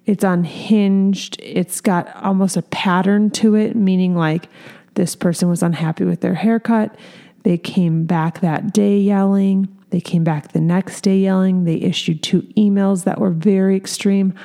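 Woman, 30s, hairstylist and salon owner; candid, earnest casual podcast talk, soft darker tone. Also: medium pitch, fairly even intonation, a little slow. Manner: earnest, candid, lots of fillers.

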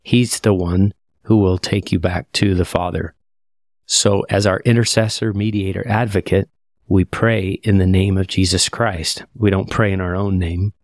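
A man with a deep, low voice teaches scripture in an easy conversational way. He sounds earnest and reflective and often slows down to read verses aloud. The sound is dry and close, with no room echo. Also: flat delivery.

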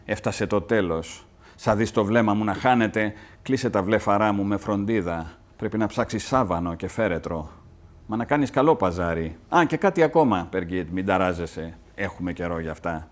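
A man reading the part of a dying old peasant mother, tender and fretful, in a soft, subdued voice. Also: lowish voice, expressive, pitched below the performer's own voice, natural voice. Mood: resigned. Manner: read aloud from a play translation.

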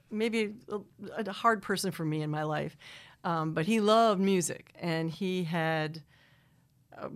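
A middle-aged woman from Wisconsin with a Wisconsin accent talks into a studio microphone in a slightly low voice. She rambles through long, self-interrupting answers and laughs easily between thoughts. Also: smooth. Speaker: singer-songwriter guest. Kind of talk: casual interview chat.

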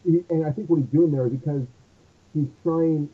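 A man's voice: on the high side, fairly even intonation, fairly quick, husky. A man co-hosting a podcast, rambling casually through a story discussion, his voice muffled and hollow as if he were in a tunnel. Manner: rambling, restarts often. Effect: muffled hollow sound, as if in a tunnel. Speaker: podcast co-host. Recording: muffled phone-like bad mic.

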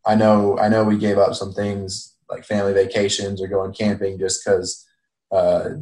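A man in his twenties, a former college football player, giving measured, reflective answers with frequent ums. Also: on the low side, a little mellow. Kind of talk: casual reflective interview answer. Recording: roomy echo.

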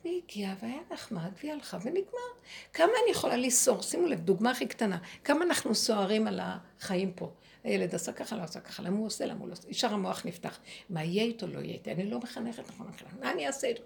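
Gravelly-voiced woman teaching a spiritual lesson. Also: mid-range voice. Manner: animated, acts out inner dialogue, asks listeners rhetorical questions.

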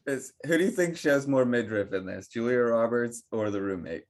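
A man's voice: mid-range voice, lively intonation, moderate pace. Laughing male podcast host, joking. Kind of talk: casual comedic movie chat.

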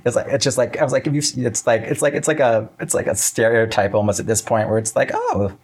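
Interviewed about his writing, a man talks in a mid-range, husky, sing-song voice. He's casual and wry, stopping and restarting himself and slipping into acted-out asides.

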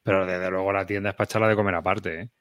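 Casting: Spanish man, lower voice, blunt ranter. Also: fairly even intonation, racing, a bit bright, smooth. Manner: blunt, ranting, swears. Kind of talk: casual chat.

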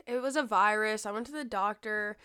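Hoarse woman chatting as co-host. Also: medium pitch, a little fast, no echo, clean studio sound. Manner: relaxed, wry back-and-forth. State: hoarse from a virus. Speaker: podcast co-host. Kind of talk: casual chat.

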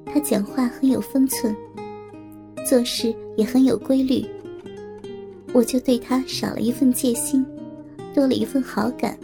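A woman telling a first-person story in calm, steady narration. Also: a little high, measured pace, gravelly, long pauses, over music.

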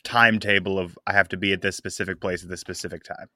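A man co-hosting a podcast in casual chat, rambling and wry with halting restarts. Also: sits low, fairly even intonation, sharp tone. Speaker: podcast co-host.

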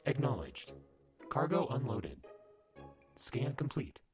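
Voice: medium pitch, big pitch swings, slow. A performer voicing a stern warforged security robot that speaks in clipped, formal machine phrases. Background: music.

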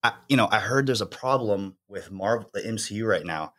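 A man's voice: lowish voice, fairly quick, a bit bright. A young man hosting a fitness podcast in casual, slangy chat, laughing often. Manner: laid-back, laughing, slangy.

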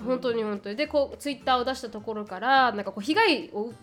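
A woman's voice: a little high, brisk, fairly bright tone. A woman co-hosting a casual podcast chat who walks through news stories at length and reads out quotes. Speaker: podcast co-host.

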